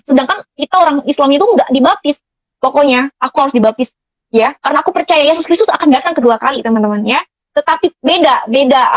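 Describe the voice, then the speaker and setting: A woman's voice: high voice, dry recording, poor audio. A woman giving an emotional personal testimony, speaking earnestly to her listeners as friends, with many fillers.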